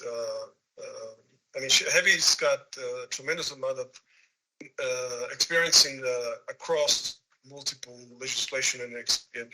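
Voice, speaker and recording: Guy hosting an online panel, really bright forceful voice, kinda halting, repeats his words. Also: mid-range voice, poor audio. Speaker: host, moderator. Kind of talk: informal hosting of an online session.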